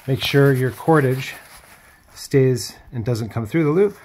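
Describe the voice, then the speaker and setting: A man's voice: medium pitch, measured pace. Middle-aged guy walking you thru a bushcraft build, chill and practical, outside w/ faint background noise. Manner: calm, practical instruction. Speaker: bushcraft channel host. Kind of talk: step-by-step outdoor tutorial. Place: outdoors in a city park.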